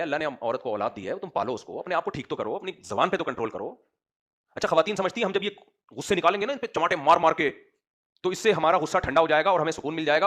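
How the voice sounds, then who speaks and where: A man with a fairly bright voice on the high side delivers a sermon as an Islamic preacher. His style is rhetorical, and he frequently speaks straight to his listeners.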